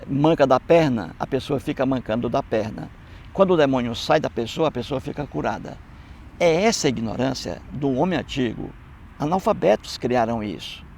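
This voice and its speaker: Scornful gravelly Brazilian man. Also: mid-range voice, a little mellow, slight background noise. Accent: Brazilian Portuguese. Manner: scornful, repeats phrases for emphasis. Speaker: atheist commentator. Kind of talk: mocking Bible commentary.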